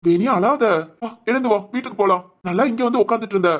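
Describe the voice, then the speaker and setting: A woman voicing a caring young policeman who gently comforts a crying friend in an audio drama. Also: a little high, fast, natural voice. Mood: comforting. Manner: gentle and reassuring.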